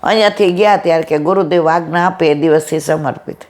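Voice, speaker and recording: A woman's voice: sits low, brisk, a little mellow. Affectionate woman giving a devotional talk. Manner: affectionate, storytelling, addresses listeners as "my dear". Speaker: satsang speaker. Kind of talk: devotional talk retelling a conversation.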